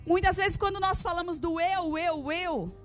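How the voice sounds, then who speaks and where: A woman pastor with a notably high voice preaches a fervent sermon, repeating key phrases and firing rhetorical questions at the women of her congregation. Soft music plays faintly behind her in the church. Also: a little slow. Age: adult with a daughter. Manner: addresses the women of the congregation directly. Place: church service.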